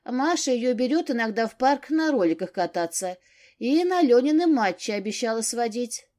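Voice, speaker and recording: A woman reading an audiobook, voicing a defensive, quick-tempered grown daughter. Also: fairly high pitch, lively intonation, warm tone, voice pushed up, lightly acted. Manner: flaring, defensive.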